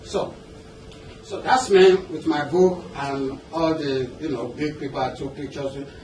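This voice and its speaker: Unhurried and steady, with a fairly high, slightly mellow voice, a Nigerian-accented man coaches a seminar audience on business and motivation. He talks conversationally and often checks in with listeners through questions. A distant microphone picks him up in a roomy, noisy indoor hall full of people.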